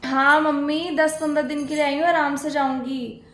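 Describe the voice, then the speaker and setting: Playing a bossy married sister-in-law in a homemade family skit, a woman complains and orders people around in a lightly acted performance. Her voice sits high with little pitch movement at normal speed, and the room is echoey.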